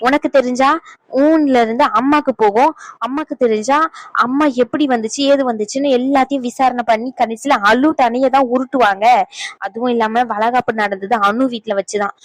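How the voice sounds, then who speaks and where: A woman's voice: fairly high pitch, fairly even intonation, fairly quick, no echo, close to an everyday voice. A woman voicing a blunt, exasperated young granddaughter in a cartoon family drama. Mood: explaining.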